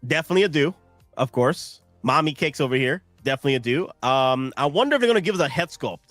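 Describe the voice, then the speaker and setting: A man's voice: fairly high pitch, animated, quick pace, a bit bright, dry recording, faint music behind. A man in his thirties with a Southern American accent, chatting loosely on a live stream, tired and rambling with restarts and asides to his viewers. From United States. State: tired, sleep-deprived. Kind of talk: casual live-stream chat.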